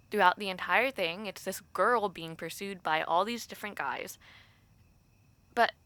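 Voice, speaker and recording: A young woman with a mid-range, sharp-toned voice plays a thoughtful, romantic university student hesitantly confiding in a friend. It's an intimate, conversational audio roleplay, recorded dry.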